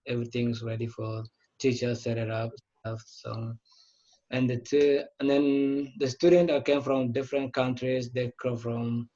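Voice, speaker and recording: Flat-toned man, dull lo-fi audio. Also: medium pitch. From Kenya. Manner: simple, non-native phrasing, repeats words. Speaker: operations manager. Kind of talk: casual interview.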